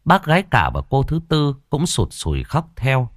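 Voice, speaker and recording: A man narrating a rural ghost story with an expressive, dramatic delivery. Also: medium pitch, normal speed, dry recording, clean studio sound. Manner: expressive, rises and falls dramatically.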